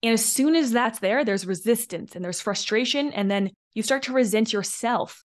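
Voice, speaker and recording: A woman hosting a solo podcast as a coach, talking in a chatty, animated way and acting out short quoted lines. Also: on the high side, moderate pace.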